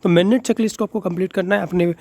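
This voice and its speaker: A crypto video creator with a sore throat speaks softly to his viewers, explaining things casually and chattily in a Hindi-English mix full of fillers. His high voice is steady and darkish in tone, and he talks at a racing pace over slight background noise.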